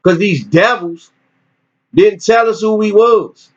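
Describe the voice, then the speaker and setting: A man teaching informally and reading articles aloud with his own commentary, in an animated, preachy way with repeated phrases. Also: high voice, slow. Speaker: religious teacher. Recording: dull lo-fi recording.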